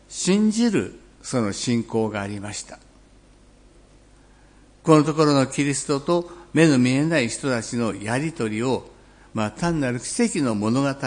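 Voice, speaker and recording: Man preaching a slow, measured sermon. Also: on the high side, a little mellow. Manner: measured, reflective, slows down on key phrases; clears throat now and then. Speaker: pastor.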